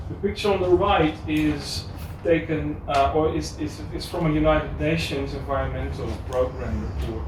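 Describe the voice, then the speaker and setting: A man with a Dutch accent giving a live presentation, hesitant, with many fillers and restarts. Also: fairly high pitch. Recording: echoey room, distant mic, noise.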